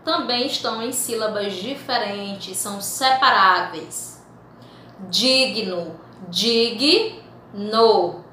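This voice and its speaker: Female teacher, higher voice, slow and deliberate, repeats words for pupils; roomy, echoing recording. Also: sharp tone, slight background noise. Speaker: Portuguese teacher. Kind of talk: recorded remote school lesson. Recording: echoey room.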